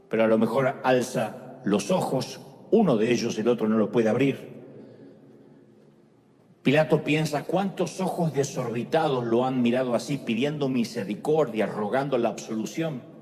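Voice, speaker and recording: A man preaching a sermon, telling a vivid story that swings between hushed and loud passages. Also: medium pitch, in a large hall.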